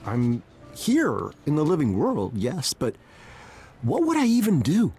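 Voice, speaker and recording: Orpheus, a swooping, melodramatic dead musician. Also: male voice, a little high, wildly swooping pitch, slow pace, a little mellow, slightly rough, soft background music, exaggerated voice. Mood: despondent. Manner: theatrical, self-pitying. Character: melodramatic, brooding dead male musician of Greek myth. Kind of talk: theatrical video game acting.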